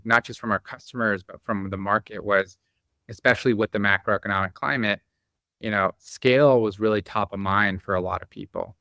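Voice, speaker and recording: A man's voice: on the low side, sharp tone, no room sound. A man who grew up in the Bosnia and Croatia area, a company founder talking as a guest in a podcast interview, explaining with enthusiasm and many fillers. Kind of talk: conversational interview.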